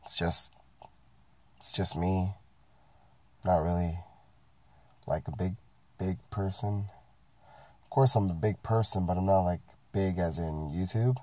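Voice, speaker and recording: Low-voiced and mellow, this vlogger speaks at a measured pace with fairly even intonation and long pauses, in a dry recording. He's getting sick and talks to camera from his parked car, ranting profanely and ramblingly about his work week while mocking himself.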